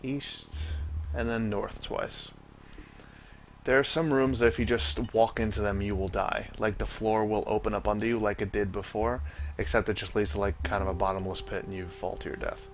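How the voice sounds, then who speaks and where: A man's voice: lowish voice, fairly even intonation, brisk, faint music behind. A man hosting a let's play, giving casual commentary on a game. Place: voice-over on game footage.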